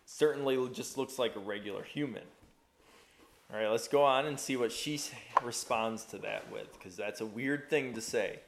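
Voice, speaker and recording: A man's voice: medium pitch, moderate pace, gravelly, reverberant, a little hiss or hum. A man leading a Bible study class in a conversational way, asking the class questions.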